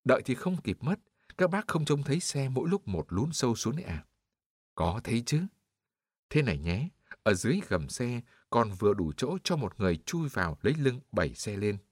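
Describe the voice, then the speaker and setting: A man voicing an urgent, generous middle-aged gentleman begging bystanders for help, in an audiobook. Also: medium pitch, very animated, moderate pace, husky, dry recording, clean studio sound. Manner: urgent pleading.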